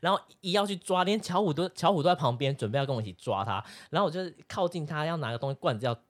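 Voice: mid-range voice, expressive, rapid-fire. A podcast co-host, telling a rambling story with many restarts in casual chat.

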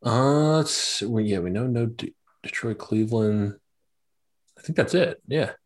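A man's voice: medium pitch, measured pace. A man co-hosting a basketball podcast in casual chat, with teasing, wry banter. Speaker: podcast co-host.

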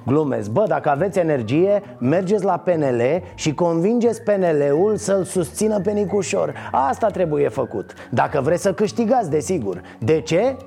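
Gravelly-voiced sarcastic male host. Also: fairly high pitch, expressive, few pauses, dark tone. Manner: sarcastic, mocking, punchy. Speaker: satirical show host. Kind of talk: satirical news monologue.

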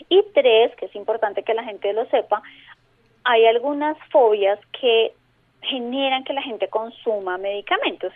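Colombian woman on a tinny phone line. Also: on the high side. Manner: animated explaining, acts out quoted voices. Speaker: phobia specialist guest. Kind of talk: radio interview. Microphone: telephone.

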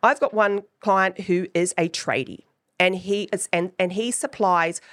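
On her podcast, a New Zealand-accented host speaks a little slowly in a lowish, slightly bright voice, captured as clean studio sound with no echo. Her teaching is chatty, peppered with repeated "right?" check-ins.

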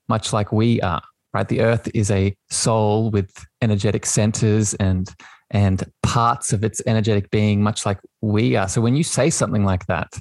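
Interviewing a guest on his podcast in a relaxed way, this man speaks warmly and effusively, leaning on spiritual language. He has a lowish voice, captured with no room sound.

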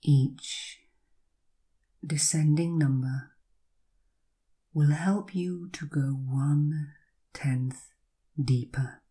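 Guiding listeners into hypnosis, a woman uses a deep, soft, breathy voice. She lingers over slow, soothing phrases and lets long pauses stretch between them.

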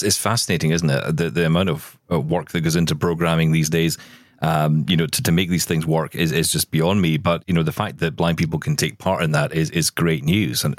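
A man with a rumbling low voice hosts a conversational interview, speaking emphatically and repeating phrases to drive his point home. The recording is clean studio sound with no room sound.

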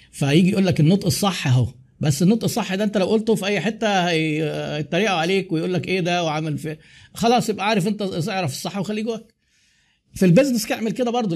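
A man with an Egyptian Arabic accent talking through customer service in a fast, conversational monologue with animated asides. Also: on the high side, slightly rough. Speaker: podcast host. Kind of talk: casual monologue on business.

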